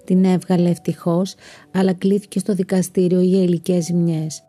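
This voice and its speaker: Female storyteller for scripted narration, dark mellow tone, steady delivery. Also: lowish voice. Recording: narration over soft background music.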